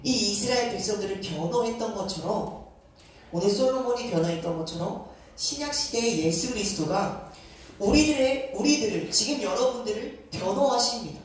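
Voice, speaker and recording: A man's voice: sits high, expressive, moderate pace, slight background noise. Male youth preacher in an echoey church. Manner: emphatic, addresses the youth with questions. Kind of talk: sermon. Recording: echoey church hall, distant mic, soft music.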